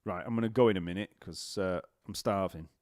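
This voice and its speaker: A man with a Yorkshire accent hosting a casual live-stream Q&A, chatty and rambling and quick to laugh. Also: deep voice, darkish tone, no room sound. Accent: Yorkshire English. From Yorkshire, England. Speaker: bass teacher and channel host. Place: home, near an island festival site.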